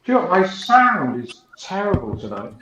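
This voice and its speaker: A man's voice: sits high, wildly swooping pitch, fairly quick, fairly bright tone, a little hiss or hum. Echoey man, voice cutting in and out. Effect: voice cutting in and out over a bad call connection. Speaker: participant in a group video call. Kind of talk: casual chat. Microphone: computer or phone on a video call. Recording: echoey, dropping-out online call audio.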